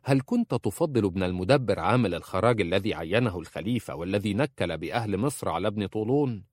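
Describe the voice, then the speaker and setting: A man voicing a calm, measured young prince in disguise in an audiobook. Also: fairly low pitch, dry recording, studio quality.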